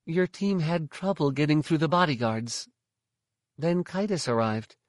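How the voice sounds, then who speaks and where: A man voicing a steady, restrained young Jedi woman in an audiobook reading. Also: fairly high pitch, unhurried, no room sound, studio quality, voice pushed up. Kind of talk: audiobook narration.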